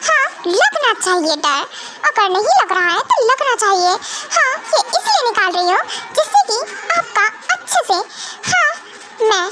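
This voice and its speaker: A woman's voice: extremely high pitch, very noisy. A young woman voicing a feisty, jealous girlfriend who scolds sarcastically in an amateur fan dub. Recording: music playing under the voice.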